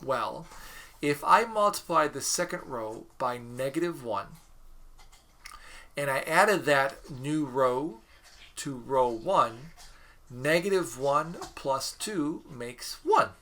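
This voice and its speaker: Bright-voiced chatty male math teacher. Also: medium pitch, expressive, slow pace. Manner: chatty, jokey teacher who works problems aloud. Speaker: math instructor. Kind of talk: recorded mini lecture.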